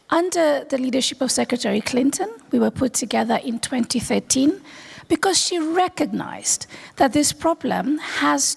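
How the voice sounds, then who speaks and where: A woman from Kenya speaking on a conference panel, earnest and personal, pausing often with "um". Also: sits high, creaky, husky. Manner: earnest, personal, with frequent "um" pauses.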